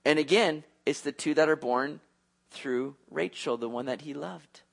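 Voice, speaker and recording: A man delivers a sermon with a fairly high-pitched voice. He retells the story in an animated, conversational way, often turning to ask his listeners questions. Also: unhurried, gravelly. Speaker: preacher.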